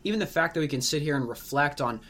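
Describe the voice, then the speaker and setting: A man's voice: a little high, expressive, fast talker, a bit bright. A man in his late twenties chatting casually and reflectively, full of "like" and "you know what I mean". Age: late 20s. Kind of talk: casual conversation.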